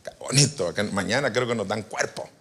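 A man preaching a sermon to pastors, animated and joking with the congregation, swinging from loud to soft. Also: fairly low pitch, fairly quick. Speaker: apostle preaching. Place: church retreat hall.

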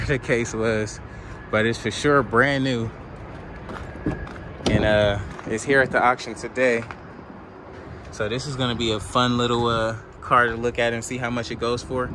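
Mid-pitched man, casual auction-yard vlogger, slangy and easygoing, outdoor phone audio with clear lot noise. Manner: relaxed, slangy, asks viewers to comment. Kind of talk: casual walkaround commentary. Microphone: handheld phone camera, filming while walking.

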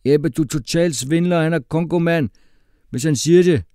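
A man's voice: on the high side, dry recording, clean studio sound, voice pushed up, close to an everyday voice. A man doing a brash, cocky schoolboy. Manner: cocky, slangy, shouting.

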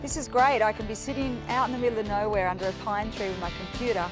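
A woman's voice: mid-range voice, steady tone, quick pace. A young woman outdoors in a forest, talking cheerfully to camera about her work. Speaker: crew member. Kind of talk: casual talk to camera. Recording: music underneath.

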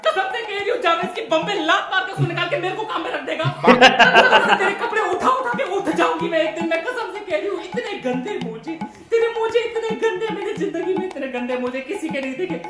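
एक महिला जो काम से परेशान माँ बनकर बेटे पर ताने मारते हुए लंबी शिकायत करती है।. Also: female voice, extremely high pitch, sing-song, a little fast, few pauses. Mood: fed-up. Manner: long complaining rant, sarcastic. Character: overworked fed-up mother ranting at her son. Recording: echoey room with music behind.

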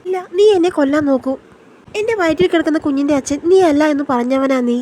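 Woman reading an accusing young wife from a soap recap, high and pointed. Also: fast, natural voice. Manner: sharp accusing retorts.

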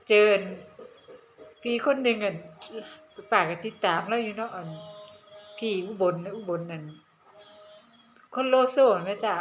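A woman's voice: medium pitch, slight background noise. A middle-aged woman with an Isan Thai accent, chatting in a casual vlog with lots of laughter and teasing. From Northeast Thailand. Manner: animated, laughs often, teasing. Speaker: vlogger. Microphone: handheld phone camera.

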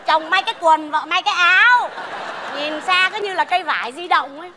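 A woman's voice: very high voice, a little fast, a crowd in the background, noisy background. A woman playing a bossy, snobbish mother-in-law in a stage comedy sketch, mocking and scolding. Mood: scornful. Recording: live stage mic, reverberant theatre with audience.

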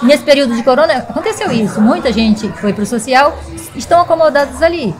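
A middle-aged businesswoman from Rio de Janeiro, Brazil, speaks Carioca-accented Brazilian Portuguese as a guest in a casual interview chat. Her voice sits high and is expressive and fast, and her manner is earnest and forthright. She's in a small studio in front of a logo wall, recorded on a boom-arm studio mic, with soft music in the background.

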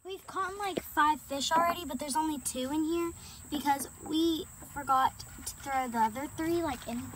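The recording is very noisy as a high-pitched woman chats at a moderate pace beside a small creek. Her outdoor vlog, filmed handheld, is upbeat, rambling, and heavy on fillers.

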